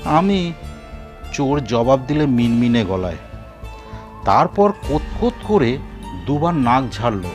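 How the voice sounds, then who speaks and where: A man's voice: mid-range voice, animated, measured pace, pauses often. A man narrating a horror story expressively, acting out his own lines. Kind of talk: dramatic horror story reading. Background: faint music.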